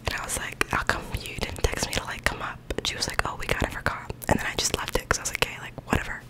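A young woman tells everyday stories in an intimate, breath-only whisper. She rambles informally, right up close to the microphone, in a casual ASMR style. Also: racing. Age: young adult. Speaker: ASMR creator. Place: small bedroom, indoors. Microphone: large microphone with foam cover, very close.

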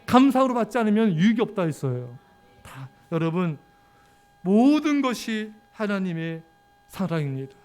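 A male pastor preaching an afternoon sermon, joking with and teasing the children in the pews and sometimes shouting at them to be quiet. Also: high-pitched. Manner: breaks into sudden shouts for quiet.

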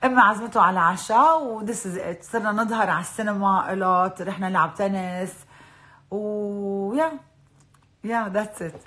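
A woman's voice: medium pitch, normal speed, fairly bright tone. A chatty woman with a Lebanese accent, talking casually into her phone on a live stream. She drops English words into her talk and laughs easily. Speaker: social media personality hosting a live stream.

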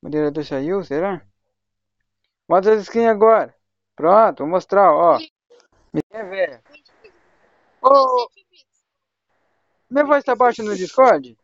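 A man's voice: high voice, animated, slow, pauses often, dry recording. A young man from Brazil chatting casually on a gaming livestream, slangy and talkative while he plays. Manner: slangy, chatty, talks to voice chat while playing. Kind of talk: casual live gaming chat. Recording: dull, lo-fi home stream mic.

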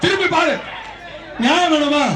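A man announcing a live bull-taming event through a megaphone or loudspeaker, with loud, rapid calls and repeated phrases. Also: extremely high pitch. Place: outdoor bull-taming arena with crowd. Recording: echoing loudspeaker outdoors, crowd noise.

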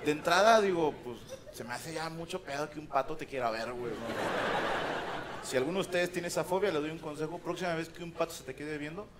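A man's voice: a little high, fast talker. A man with a Mexican accent doing crude, teasing crowd work as a stand-up comedian in a theater. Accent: Mexican Spanish. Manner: teasing, crude banter with the audience. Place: large theater with live audience. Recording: live show with loud crowd and noise.

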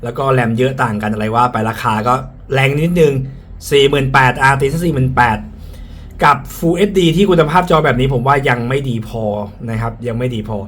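A man's voice: mid-range voice, fairly quick, a bit bright. A man speaking through a face mask, slightly muffled, giving a frank, casual product review and often repeating his points. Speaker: tech reviewer. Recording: clear background ambient noise.

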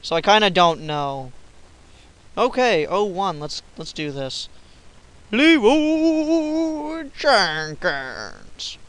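A young man narrating his gameplay in a slow, easygoing drawl that keeps sliding into profanity and sudden yelps. His voice sits a bit high and sounds smooth and clean. He talks like a goofy gamer chatting to his viewers. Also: low-quality recording. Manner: swearing, silly, bursts of yelling. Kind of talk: casual gameplay commentary.

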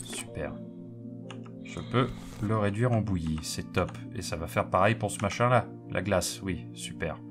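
A man's voice: sits low, measured pace. A man hosting a let's play, chatting casually and jokingly as he thinks aloud through the game. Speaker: gaming video host. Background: game music.

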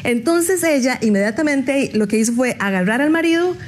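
High-voiced woman doing stand-up. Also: animated, fairly quick, slight background noise. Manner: chatty, acts out the people she quotes. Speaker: stand-up comedian. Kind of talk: stand-up comedy monologue. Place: stage before a live audience.

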